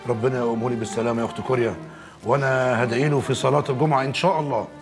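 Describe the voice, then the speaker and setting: A devout Egyptian neighbour, played by an actor in a TV drama, rattling off prayers and good wishes very fast. His voice is mid-pitched and plain. Drama music plays clearly under him. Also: fairly even intonation, natural voice. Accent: Egyptian Arabic. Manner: quick, devout well-wishing. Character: pious neighbourhood man offering prayers. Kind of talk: TV drama acting.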